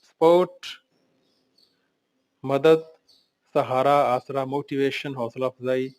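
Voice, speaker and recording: A man's voice: medium pitch, fairly even intonation, slow, a little mellow. A male English teacher going through a vocabulary lesson in Urdu, reading out each word and then listing its synonyms and meanings.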